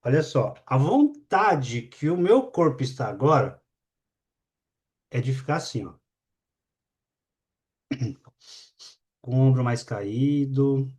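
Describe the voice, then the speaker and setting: A man with a Brazilian accent leading a live online class, talking to his audience in a lively, demonstrative way and shifting his energy on purpose. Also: medium pitch. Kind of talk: live webinar talk to an audience.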